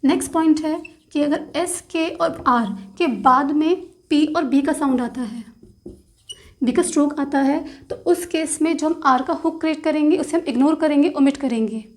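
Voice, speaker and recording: A woman with a high voice teaches a shorthand lesson. She talks through each rule and slows right down to spell out the example words letter by letter. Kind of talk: explaining lesson.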